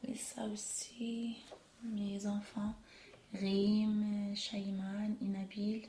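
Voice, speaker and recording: A middle-aged woman from Algeria, answering interview questions haltingly, with many restarts and trailing off softly. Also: mid-range voice, little pitch movement. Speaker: interviewee, immigrant mother. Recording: echoey room with faint noise.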